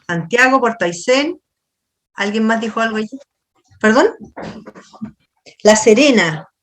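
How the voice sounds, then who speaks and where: A middle-aged woman with a Chilean accent giving a university class over a video call, chatty and questioning her students, explaining in a halting way. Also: a little high, lively intonation, fairly bright tone. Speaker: university lecturer. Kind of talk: online class lecture.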